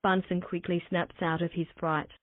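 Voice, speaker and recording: A synthetic female voice narrating a text adventure story in an even, mechanical way. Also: medium pitch, moderate pace, no echo. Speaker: narrator of the game's generated story. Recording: thin, phone-like dry synthetic audio.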